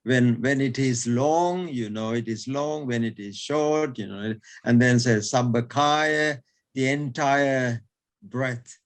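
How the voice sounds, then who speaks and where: A man's voice: medium pitch, takes it slowly. A male teacher explaining in an online lesson, hesitant, repeating words with many fillers and chuckling between points.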